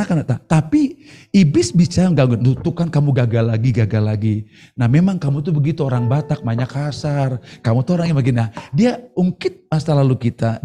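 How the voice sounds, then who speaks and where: A male pastor with a warm, medium-pitched voice preaches a sermon at a church service streamed online, playfully acting out bits of dialogue.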